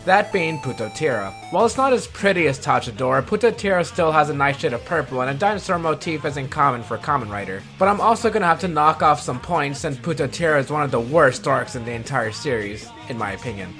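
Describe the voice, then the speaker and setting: A man with a high, expressive, fairly bright voice hosts a scripted countdown video, talking quickly with hardly any pauses. His commentary carries wry, self-deprecating asides, and background music plays under his voice.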